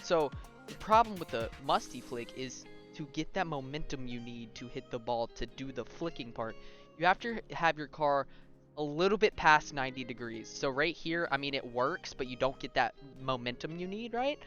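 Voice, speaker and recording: Faint music plays behind a young man whose mid-pitched, fairly bright voice is expressive and moves at normal speed. He gives casual commentary for a video game tutorial, talking straight to viewers and checking in along the way.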